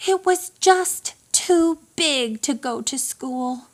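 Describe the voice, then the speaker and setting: This storybook reader's voice sits high as she reads a picture book to little ones, expressive and unhurried in her telling.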